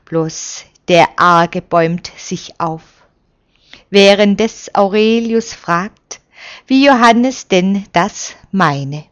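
Very slow, solemn woman narrator. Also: medium pitch. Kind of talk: reading aloud a religious novel.

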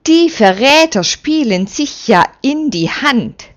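A woman's voice: high voice, sing-song, takes it slowly, a bit bright, pitched above the performer's own voice, full character voice. A woman voicing a cowardly male underling who talks in a whiny, obsequious way, on a dull lo-fi recording. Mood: whining.

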